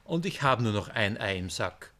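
A man's voice: on the low side, lively intonation, moderate pace, sharp tone. A man voicing a grumpy, dry 83-year-old man while reading his book aloud. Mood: dry grumbling. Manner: dry, curt replies.

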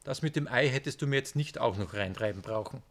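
A man's voice: medium pitch, quick pace, vocal fry. A man doing Hakim, a cheeky old man. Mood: teasing. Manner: lively, raised and teasing. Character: cheeky cheerful old man, optimistic and teasing. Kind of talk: reading aloud at a book reading.

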